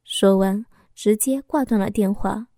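Female storyteller, first person: intimate, soft, occasional whisper; mellow, close and dry. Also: mid-range voice, measured pace, no room sound. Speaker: narrator.

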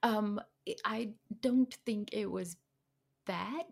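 A young Indian woman with an Indian accent, a podcast guest, talks casually, chattily and with frequent laughter, using many fillers and restarts. Her mid-range voice is slow, creaky and darkish, with a breathy edge.

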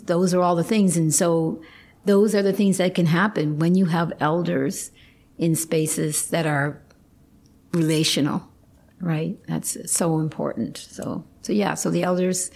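A woman's voice: fairly low pitch, creaky, darkish tone, husky. A middle-aged woman talking casually and reflectively, often checking in with a "right?" at the end of phrases.

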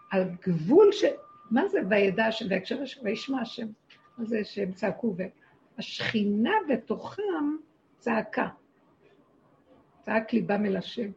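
Gravelly-voiced woman teaching a religious lesson. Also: medium pitch, darkish tone, dull audio, a little hiss or hum. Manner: emphatic, short repeated phrases. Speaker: spiritual teacher.

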